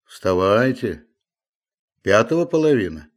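A man's voice: lowish voice, very animated, a little slow, voice pushed up. A man voicing a stubborn old male manservant who coaxes and scolds with a drawling, muttering manner. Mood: coaxing, scolding.

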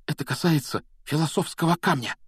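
An eager young schoolboy wizard, as a male narrator plays him, raised a few steps higher than the reader's own voice and pressing hard with urgent insistence. It is heard in a dry, close storybook reading. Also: brisk, breathy edge, no room sound. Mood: insistent.

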